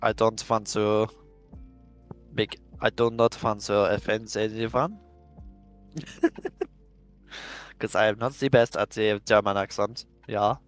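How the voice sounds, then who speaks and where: A man's voice: fairly low pitch, fairly even intonation, takes it slowly, long pauses, soft background music. A young man giving chatty, upbeat play-by-play commentary on a virtual drift event and reading out live chat.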